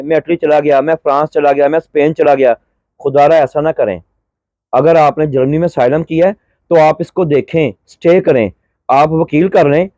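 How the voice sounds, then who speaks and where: A man's voice: fairly high pitch, dark tone, dry recording. A middle-aged man from Pakistan giving brotherly, pleading advice in a vlog, feeling a little unwell. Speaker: vlogger giving advice to migrants.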